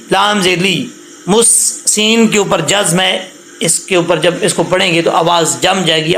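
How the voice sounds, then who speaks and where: A high-pitched man gives a step-by-step Quran recitation lesson. He explains patiently, checks in often, and draws the recited words out slowly. He sounds like he is in an echoey room with a faint hiss behind him. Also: fairly bright tone. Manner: drawn-out, slow chanted recitation of words.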